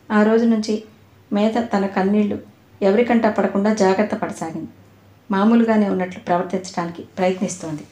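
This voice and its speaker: Woman narrator, audio novel reading, calm measured pace, mellow dark tone, roomy echo. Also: mid-range voice.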